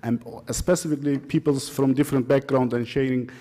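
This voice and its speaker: Mellow-voiced Kurdish-accented man presenting. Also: medium pitch, fairly even intonation. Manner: halting, non-native English phrasing. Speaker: academic conference presenter. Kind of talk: informal conference presentation with personal anecdotes.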